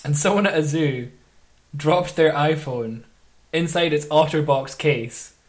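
Male podcast host, slightly high voice, jokey read-aloud delivery. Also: a little slow. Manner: jokey, reads aloud playfully. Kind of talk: casual chat.

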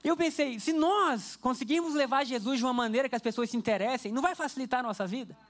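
High-voiced man preaching a story-driven sermon. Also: fast talker. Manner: lively storyteller, speaks directly to the congregation. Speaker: pastor. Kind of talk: conversational sermon with personal stories. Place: church service before a congregation.

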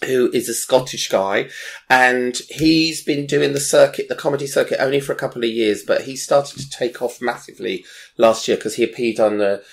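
Gravelly guy hosting, chatty and excited, lots of ums, middle pitch. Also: moderate pace. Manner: chatty, enthusiastic, rambling with fillers. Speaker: presenter. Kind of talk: casual chat recommending online creators.

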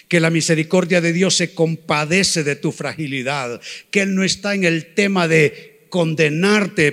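High, bright-voiced preaching man. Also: big-room sound. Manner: slow, emphatic preaching that builds to shouted repetitions; asks the congregation to repeat phrases. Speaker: pastor. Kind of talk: sermon.

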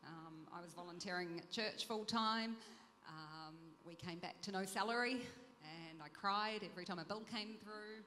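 A woman's voice: on the low side, moderate pace, few pauses, sharp tone, big-room sound, a little hiss or hum. A woman pastor giving a candid, self-deprecating testimony. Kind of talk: testimony talk.

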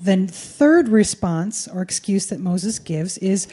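Speaking slowly but with animation, this woman has a medium-pitched, dark-toned voice. She preaches in a colloquial, conversational manner, breaking the sermon into short phrases for a live interpreter.

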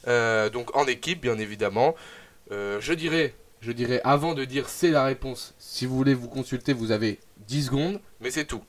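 A young man hosting a live radio show, announcing segments and running a quiz in a lively, animated way with fillers. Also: mid-range voice, normal speed.

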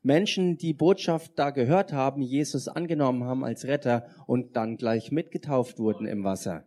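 A man's voice: mid-range voice, moderate pace, mellow. A man interpreting a sermon phrase by phrase, with some hesitations. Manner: follows each phrase closely, some hesitations.

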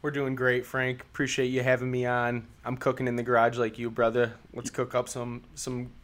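A man's voice: medium pitch, monotone, moderate pace, a bit bright. A young man guesting on a casual sports podcast in a garage, easygoing and confident in his takes. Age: young adult. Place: hot home garage.

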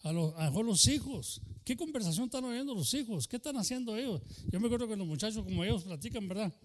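Man, pastor, fervent bilingual sermon, high voice. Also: lively intonation, quick pace. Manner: switches between Spanish and English mid-sentence; fervent preaching punctuated by "aleluya" and "hermano".

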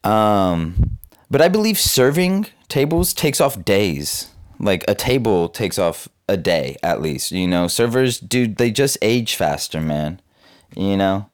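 Young man from Southern California, slangy cynical vlogger, lower pitch. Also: expressive, takes it slowly. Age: 20s. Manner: laid-back, slangy, cynical, full of fillers. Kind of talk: casual rambling monologue.

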